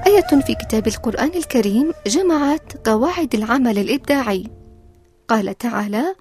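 A woman's voice: on the high side, animated, brisk. A woman presenter narrating a moral story and explaining its lessons in a scripted, reflective teaching tone. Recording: soft background music.

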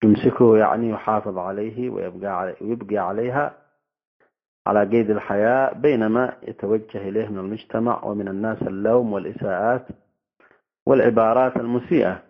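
A man giving a formal religious lecture to an audience, speaking in measured phrases with pauses. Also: fairly low pitch, steady tone. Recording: tinny phone-like audio.

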